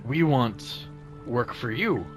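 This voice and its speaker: A man voicing a hulking, simple-minded half-ogre butler with a deep booming voice and broken sentences in a tabletop game. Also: lively intonation, takes it slowly, music in the background. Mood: pleading.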